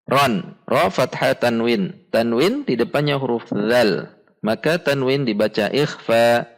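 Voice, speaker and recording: A man teaching Quran recitation, patiently spelling out syllables and chanting words slowly and deliberately. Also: medium pitch. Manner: patient, instructive, repeats corrections. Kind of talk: step-by-step tajwid lesson.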